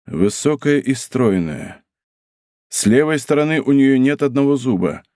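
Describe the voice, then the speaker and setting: A man reading an audiobook, voicing a cool, brooding musketeer who speaks in a low, hollow, measured way. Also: expressive, a little mellow, no echo, studio quality, lightly acted. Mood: grave. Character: cool, brooding older musketeer, grave and commanding.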